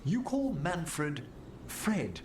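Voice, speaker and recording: A genteel, fussy older necromancer from a video game. He speaks formally and politely, and his voice rises and falls with a lively lilt. The sound has a roomy echo. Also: fairly high pitch, drawn-out words, a little hiss or hum, heavily acted. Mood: curious.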